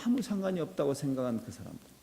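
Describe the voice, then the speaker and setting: In a reverberant church sanctuary, a middle-aged pastor preaches a sermon, earnest at first and building to impassioned appeals. His fairly high, warm, creaky voice races along with huge pitch swings.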